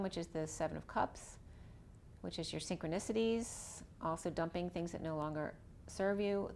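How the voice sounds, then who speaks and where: A woman's voice: on the low side, creaky, a little mellow, slight background noise. A woman giving a casual tarot reading, talking through each card as she draws it while losing her voice. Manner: chatty, thinking aloud while drawing cards.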